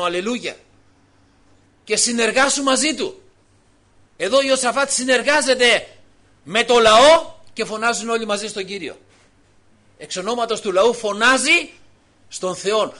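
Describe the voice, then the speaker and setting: A man preaching an impassioned sermon as pastor, swinging between hushed, intimate passages and loud calls, with frequent alleluias. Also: high-pitched.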